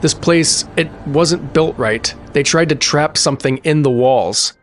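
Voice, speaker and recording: A man's voice: fairly high pitch, a little slow, a bit bright, a little hiss or hum. A man voicing a grizzled older maintenance man in a horror story, terse and urgent, wary and stern. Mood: fearful.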